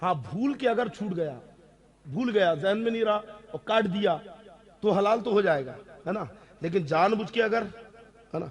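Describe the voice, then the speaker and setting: Guy with a pretty high voice going over religious rules, keeps asking if you get it, repeats stuff for emphasis. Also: expressive, slightly rough. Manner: keeps checking in with the audience; emphatic, repeats key rulings. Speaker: Islamic scholar answering questions. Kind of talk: religious question-and-answer talk.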